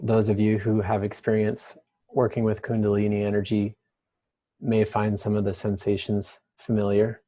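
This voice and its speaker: A man leading a guided meditation with the slow, hushed delivery of a mystical healer. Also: fairly low pitch, completely flat delivery.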